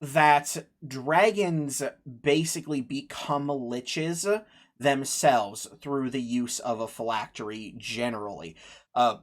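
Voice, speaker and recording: A man running a tabletop game as game master, narrating and chatting casually, pausing to think as he goes. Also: medium pitch.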